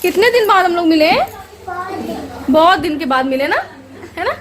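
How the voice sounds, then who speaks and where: A woman's voice: extremely high pitch, very animated, moderate pace, fairly bright tone, slight background noise. A young woman vlogging casually about her family, playful and chatty with a small child.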